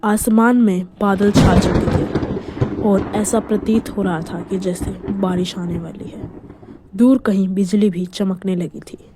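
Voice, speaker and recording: A woman narrating a scripted horror story in a hushed, suspenseful manner. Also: medium pitch, steady tone, a little slow, noisy background.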